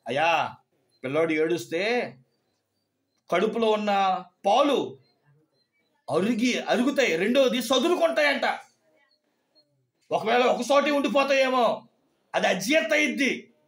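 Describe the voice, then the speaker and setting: A man's voice: sits high, animated, measured pace, pauses often, a bit bright, full character voice. Wise old village woman, patient explainer, done by a male preacher. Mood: explaining.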